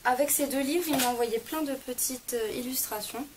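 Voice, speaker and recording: Young woman chatting about her book haul, bit high voice, lots of little ums and restarts, slight hiss on the mic. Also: normal speed. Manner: chatty, with frequent hesitations and self-corrections. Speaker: book vlogger. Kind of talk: casual book haul vlog. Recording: faint background hiss.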